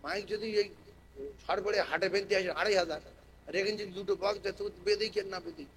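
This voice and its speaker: A man preaching a sermon to a gathering over a public address microphone. He moves from quiet, chatty explanation to loud, drawn-out chanting and rallying call-and-response with the crowd. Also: high-pitched, fairly even intonation, slight background noise, rough recording. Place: outdoor religious gathering with loudspeakers.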